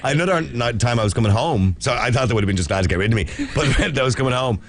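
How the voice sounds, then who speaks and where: A man's voice: mid-range voice, expressive, fast, noisy background. An Irish man hosting a radio talk show, telling stories in a blunt, joking way. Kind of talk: casual on-air chat.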